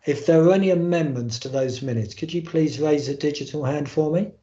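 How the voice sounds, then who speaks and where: A man's voice: on the high side, a little fast, mellow. A man chairing a formal board meeting over a video call, hesitating often with ums and uhs. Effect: heard over a video call. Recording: roomy, dull video call audio.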